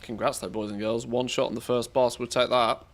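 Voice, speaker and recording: Male gamer, mid-pitched, wry and casual, commentating as he plays. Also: little pitch movement, fairly quick. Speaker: gamer streaming group raids.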